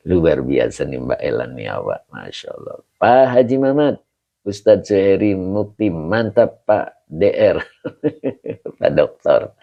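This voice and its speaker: Low gravelly-voiced male preacher. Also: mellow, dull audio. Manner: reads viewers' comments aloud and answers with prayers and chuckles. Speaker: Islamic preacher hosting a live study stream. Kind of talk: casual live-stream greetings to viewers.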